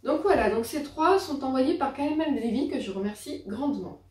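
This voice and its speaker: A woman's voice: high-pitched, expressive, a little fast, a little mellow. A woman chatting casually about her new books, with many fillers and self-corrections. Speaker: book vlogger. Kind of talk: casual book haul chat. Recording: roomy, a bit distant from the mic.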